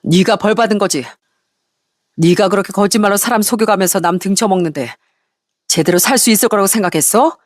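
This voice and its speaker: A woman's voice: medium pitch, fairly quick, no room sound, clean studio sound, lightly acted. A woman voicing a divorced man who answers his ex-wife coldly and firmly. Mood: cold rebuke. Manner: cold, cutting, firm. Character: fed-up divorced man, cold and firm.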